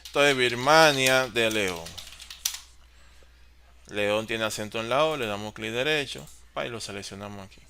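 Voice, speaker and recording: A man teaching an online class on office software, explaining step by step and answering his own questions. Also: medium pitch, moderate pace, long pauses, a little hiss or hum. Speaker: course facilitator.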